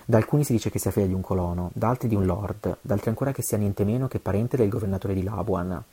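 Un uomo che dà voce a un compagno di pirati europeo sui trent'anni, calmo e beffardo. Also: male voice, fairly low pitch, fast talker, husky. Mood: calm. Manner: calm, mocking. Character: wry European man, early thirties, pirate's friend.

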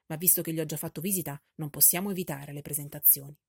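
A woman voicing a dry, ironic older gentleman who teases his family in a deadpan way, in an audiobook reading. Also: sits low, fast talker, gravelly, slightly rough, no room sound, heavily acted. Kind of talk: audiobook character voice.

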